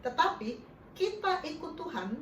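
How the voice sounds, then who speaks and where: A middle-aged woman delivers a sermon, her voice high-pitched and animated, swinging from loud to soft with laughs between points. She is heard from some distance in an echoey church hall with a faint hum of room noise behind her. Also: a little slow. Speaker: preacher.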